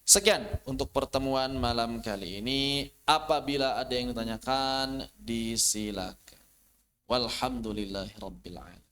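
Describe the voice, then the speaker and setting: A man giving a religious lecture, explaining patiently, his voice rising and falling and sometimes dropping into a slow chant. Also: medium pitch, fairly bright tone. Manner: explanatory, rises and falls, briefly chants verses. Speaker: Islamic teacher.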